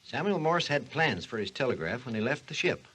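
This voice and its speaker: In a formal, instructive 1940s radio style, a man plays a learned, authoritative doctor narrating and explaining history and science as narrator and expert. His medium-pitched voice is sing-song and fairly quick, with a fairly bright tone and a breathy edge.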